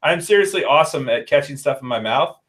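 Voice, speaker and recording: A man in his late forties, a guest on an online video-call chat, telling rambling stories in a lively, animated way. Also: fairly high pitch, fast, slightly rough. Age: 40s. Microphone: headphones and laptop on a video call.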